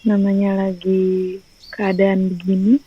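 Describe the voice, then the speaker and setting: A woman's voice: mid-range voice, monotone, slow pace, breathy edge, lo-fi sound. A young woman, a teacher and YouTuber, chatting casually in a rambling vlog with lots of fillers, recorded on a phone. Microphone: phone rear camera.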